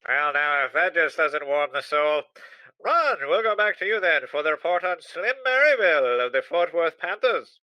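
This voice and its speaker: A man's voice: on the high side, expressive, moderate pace, no echo, muffled recording, close to an everyday voice. A man playing a folksy 1920s radio host on a comedic parody, with a hokey announcer cadence. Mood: jovial.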